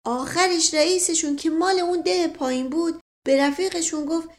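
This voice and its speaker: Boastful old manservant read by a woman; high-pitched, folksy and rambling. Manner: rambling tall-tale telling. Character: boastful old male family servant, folksy.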